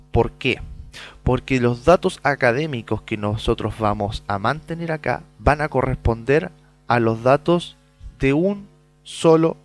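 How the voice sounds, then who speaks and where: Guy doing a software tutorial, keeps checking in w the viewer, soft music under it. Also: mid-range voice. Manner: explanatory, peppers lines with "¿ya?"; mutters quietly while typing in sample data. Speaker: software course instructor. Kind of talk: screencast tutorial.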